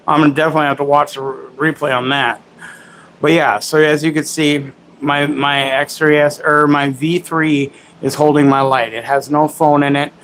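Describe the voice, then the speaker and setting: A man with a slightly high voice talks through a casual live gadget demo. He rambles and corrects himself mid-sentence while chatting with his viewers. A faint hum of background noise sits under his voice. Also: fairly bright tone, poor audio. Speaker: livestream host demoing gimbals.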